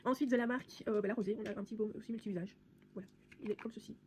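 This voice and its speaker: Young woman vlogger, fast-talking and chatty, faint room noise behind. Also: mid-range voice, steady tone, a little mellow. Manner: chatty, rambling, many fillers and restarts. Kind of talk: casual product haul vlog.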